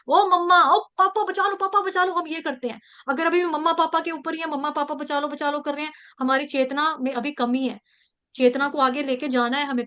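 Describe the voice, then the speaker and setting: Woman spiritual teacher, high bright voice, animated storytelling, scripture class. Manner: animated, acts out quotes in the story.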